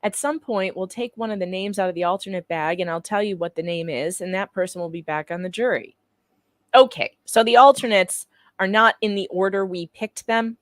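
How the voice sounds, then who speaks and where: A guest co-reader reads court transcript lines aloud in a mid-range voice, fairly quick and with no echo. Her delivery is casual, playful and teasing, a dramatic reading peppered with banter.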